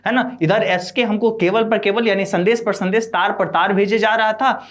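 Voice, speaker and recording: A man's voice: high voice, fairly even intonation. Man teaching a line-by-line lesson. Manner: reads English lines slowly, then explains them in Hindi; keeps adding the tag "है ना" and fillers.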